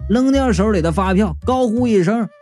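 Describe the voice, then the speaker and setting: A man narrating a comic story in the first person, animated and playful. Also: high voice, normal speed.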